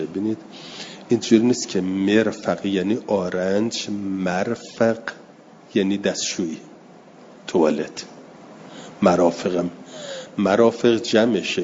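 Man, religious teacher, low mellow voice, slow reading then plain explanation, dull recording, faint noise. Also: in a large hall. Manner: reads passages slowly, then explains them plainly; answers students' questions. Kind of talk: classroom text lesson.

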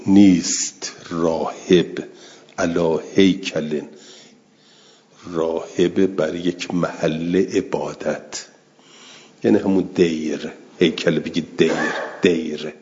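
A man's voice: sits low, mellow. A man teaching a religious lesson, explaining an Arabic text word by word in a conversational way and repeating terms as he defines them. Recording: dull lo-fi recording with long reverb.

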